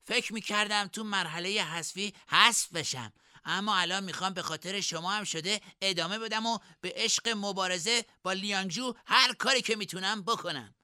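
A man voicing a playful, cheerful young male fighter in a high, put-on voice. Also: pushed and bright, clear, resonant tone, dry recording, studio quality. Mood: earnest.

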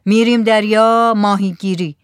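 A woman's voice: medium pitch, steady tone, clean tone, no echo, clean studio sound, natural voice. A woman voicing the village headman's mocking young son in a storybook reading.

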